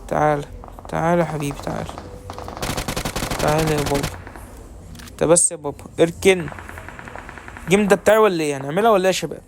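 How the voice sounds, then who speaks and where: A young man with an Egyptian accent giving quick, joking commentary while playing a shooter game. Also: a little high, fairly even intonation, gravelly, background noise. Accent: Egyptian Arabic. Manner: quick, joking banter at enemies and teammates. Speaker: gaming creator. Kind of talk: live gaming commentary. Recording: game gunfire in background. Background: loud gunshots and clicks.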